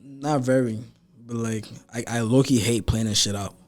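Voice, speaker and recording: A man's voice: mid-range voice, fairly even intonation, moderate pace. A teenage man from Nigeria, a rapper guesting on a podcast, talking casually and rambling with lots of filler words and slang. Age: teens.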